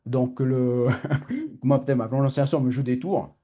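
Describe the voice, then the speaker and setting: A man with an Italian accent tells a personal story to his students, quick and rambling, often correcting himself mid-sentence. His voice is mellow and warm, set in a middle register. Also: mid-range voice, muffled recording. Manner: fast, rambling, self-correcting. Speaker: personal growth teacher. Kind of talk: candid storytelling talk.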